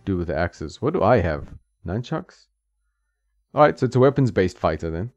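Over faint background music, a low-pitched man with a sing-song, darkish voice offers casual gameplay commentary at a moderate pace while streaming retro games. The recording from his home desk mic is dry, and he thinks aloud with plenty of ums and small laughs.

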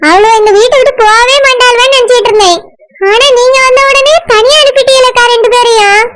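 A woman's voice: very high-pitched, fairly even intonation, fast talker. A woman voicing a meek, curious village woman in a cartoon, with a Tirunelveli accent, fawning and asking prying questions. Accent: Tirunelveli Tamil. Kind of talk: cartoon voice acting. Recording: loud background noise.

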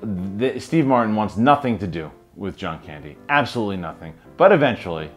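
A man's voice: fairly low pitch, lively intonation, brisk, faint music behind. A man in his thirties co-hosting a movie review show, talking in a friendly, upbeat host manner from a studio. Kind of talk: casual movie review banter. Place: indoor studio with poster backdrop.

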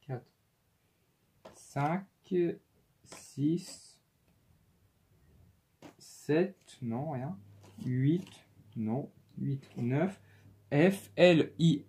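A man's voice: on the high side, mellow, slightly rough. A man hosting a casual unboxing vlog, thinking aloud and counting hesitantly. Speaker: toy-unboxing YouTuber.

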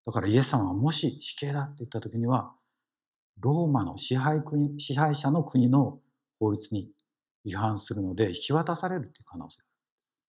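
A man's voice: medium pitch, expressive, a little fast, darkish tone, husky. A man with a Kansai accent giving a conversational sermon as a lay preacher, engaging the congregation with questions. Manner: engaging, asks the congregation questions, frequent "ne" tags.

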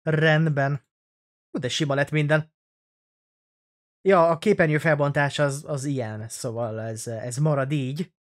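Sarcastic young man doing game commentary. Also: on the high side. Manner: jokey, sarcastic, rambling. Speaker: let's play host.

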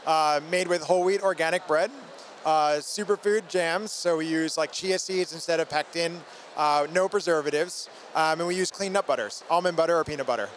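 At a packed indoor trade show booth, a man in his thirties speaks as a company founder in an informal, energetic interview, handheld microphone in hand. His voice is a little high and moves at a moderate pace, with faint convention hall sounds behind it.

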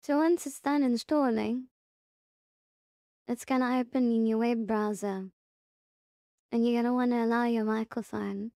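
A woman presenting a software tutorial speaks in a soft-edged, mellow, fairly high voice, casual and plain as she leads the listener step by step. Her tone stays steady and her pace measured, and she pauses often. The recording is dry and close, with little trace of a room.

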